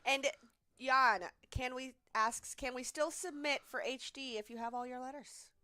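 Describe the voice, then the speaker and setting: A woman co-hosting a livestream chats casually, teases her partner and reads viewer questions aloud. Her voice is fairly high and bright. The sound is dry and close. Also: fairly even intonation, measured pace, no room sound. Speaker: livestream co-host. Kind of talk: casual stream chat.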